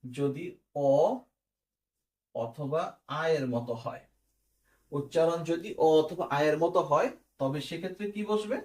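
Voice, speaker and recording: A man's voice: a little high, measured pace, pauses often, darkish tone. A man, teaching an English grammar class step by step and often checking whether students follow. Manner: explains step by step, asks quiz questions and checks "clear?". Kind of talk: recorded online class.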